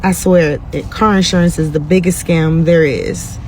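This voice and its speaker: A mid-pitched voice rants in an indignant, casual way. Faint traffic noise sits in the background. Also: fairly even intonation, normal speed. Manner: indignant, uses y'all. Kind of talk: casual rant to camera.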